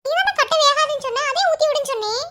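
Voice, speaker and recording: A woman voicing a sharp-tongued young village wife in a cartoon, with a Madurai Tamil accent and a mocking, laughing way of talking. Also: extremely high pitch, animated, rapid-fire, very noisy. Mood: teasing. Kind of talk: cartoon voice acting.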